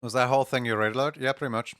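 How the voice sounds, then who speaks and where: A man's voice: mid-range voice, steady tone, very fast, a bit bright, no room sound, studio quality. A man hosting a livestream, talking casually to his viewers. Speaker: livestream host.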